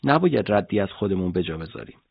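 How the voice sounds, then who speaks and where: Man voicing unhurried careful soldier, matter-of-fact, raspy, gravelly, lo-fi audiobook. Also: deep voice, big pitch swings, dry recording, full character voice. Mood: calm. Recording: dull lo-fi audiobook recording.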